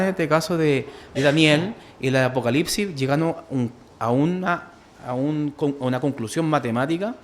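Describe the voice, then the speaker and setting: A man's voice: a little high, a little hiss or hum. A man with a Chilean Spanish accent teaching a church history class, full of fillers, who keeps asking "¿cierto?" and calls his listeners "hermano". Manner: many fillers, asks "¿cierto?" often, addresses listeners as "hermano".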